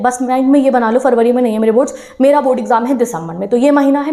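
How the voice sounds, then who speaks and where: A woman's voice: fairly high pitch, warm tone. A young woman teacher giving an encouraging talk to exam students, switching between Hindi and English phrases. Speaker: online teacher.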